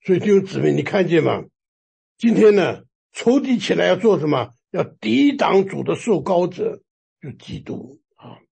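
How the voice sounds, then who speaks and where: A man delivers an emphatic sermon, his voice gravelly and raspy throughout. He sits a little high and moves animatedly in pitch, pushing up toward near-shouts when the message builds. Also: sing-song, moderate pace. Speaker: preacher.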